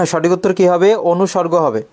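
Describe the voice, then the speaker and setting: High-voiced male grammar coach. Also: steady tone, normal speed, darkish tone. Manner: drills by asking questions and answering them himself; clears his throat often. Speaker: Bangla grammar coaching mentor. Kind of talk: online exam-prep class.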